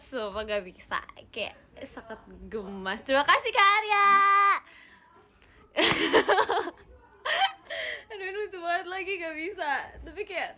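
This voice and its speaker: A young adult woman with an extremely high, pushed, bright voice hosts a casual phone livestream from an indoor room. An idol livestreamer, she's bubbly and giggly, chatting and reading fan comments while thanking fans.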